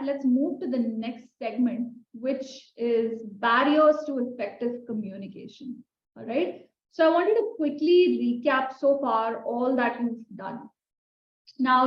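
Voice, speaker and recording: Woman trainer in an echoey room. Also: on the high side. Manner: conversational, asks the listeners questions, demonstrates with her own voice. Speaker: communication skills trainer. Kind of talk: recorded lesson. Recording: echoey room, dull sound.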